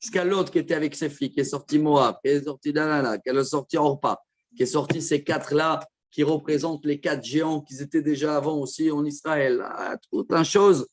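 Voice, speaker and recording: A man teaching a Torah class as a rabbi, explaining verses with quick asides to his listeners. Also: fairly high pitch, fairly even intonation. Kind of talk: Torah lesson.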